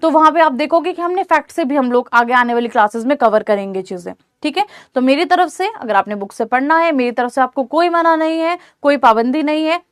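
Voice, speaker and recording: A high-pitched woman teaches an online exam-prep lecture, recorded dry in studio quality. She reassures her students and often asks whether they follow, repeating "theek hai" to check.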